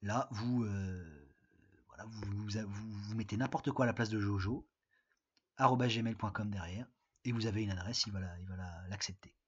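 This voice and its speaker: Husky-voiced man teaching a remote lesson. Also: fairly low pitch, moderate pace. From France. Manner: patient, step-by-step instructions with many fillers. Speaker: English teacher. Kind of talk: recorded remote lesson with screen walkthrough. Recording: dull lo-fi sound.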